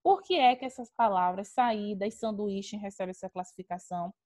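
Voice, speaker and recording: A woman's voice: medium pitch, brisk, a little mellow. A woman teacher with a Brazilian accent, patiently explaining grammar in an online class and repeating key terms.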